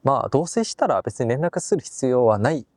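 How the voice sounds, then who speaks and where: Korean-born man, mellow, dry sound. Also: mid-range voice, sing-song, normal speed, no room sound. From Busan, South Korea. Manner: earnest, gives advice, laughs easily. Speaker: guest. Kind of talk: casual conversation.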